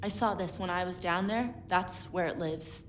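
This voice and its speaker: A woman playing a sharp, impatient young woman. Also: on the low side, normal speed, slight background noise, natural voice. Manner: curt, impatient. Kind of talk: video game performance.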